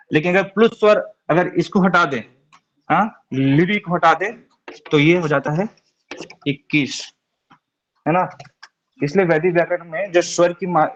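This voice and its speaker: A man's voice: a little high, dull audio. A man teaching a Sanskrit grammar class online, explaining patiently step by step and checking in with his students.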